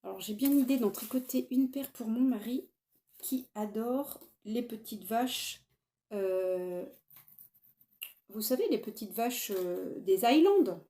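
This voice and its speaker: Chatty enthusiastic woman, mellow voice. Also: on the high side, slow pace. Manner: chatty, enthusiastic, many fillers and restarts. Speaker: knitting podcaster. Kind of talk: casual chat to camera.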